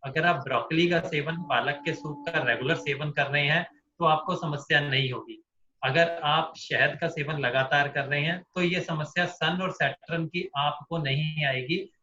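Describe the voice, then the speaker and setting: A man's voice: on the high side, fairly even intonation, measured pace, pushed and bright, reverberant, highs cut off, a little hiss or hum. A man teaching an online astrology class in Hindi-speaking style, explaining through everyday examples. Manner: explains with everyday examples, acts out quoted people.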